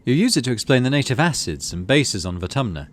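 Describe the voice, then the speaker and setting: A gaming channel host gives casual let's play commentary, reading story text aloud and murmuring to himself while deciding. His voice is medium-pitched with big pitch swings and a quick pace.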